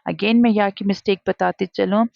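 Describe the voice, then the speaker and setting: A woman teaching Quran reading in a recorded lesson, drawing out each syllable slowly and then explaining quickly in mixed Hindi and English. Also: mid-range voice, fairly even intonation, gravelly, dry recording, muffled recording. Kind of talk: recorded lesson, spelling out letters.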